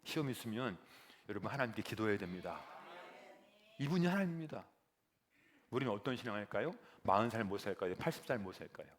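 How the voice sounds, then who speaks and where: A man preaching a sermon as pastor, animated and building to loud emphatic peaks. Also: fairly low pitch, fast, long pauses.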